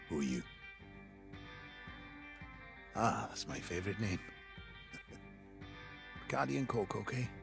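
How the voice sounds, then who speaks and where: In a naturalistic audio drama monologue, an actor voices an embittered, self-justifying Welsh patriarch in his seventies with a South Wales Valleys accent. Wistful and amused, he delivers his lines haltingly and reflectively, slipping into low muttering, with vocal fry and heavily acted style.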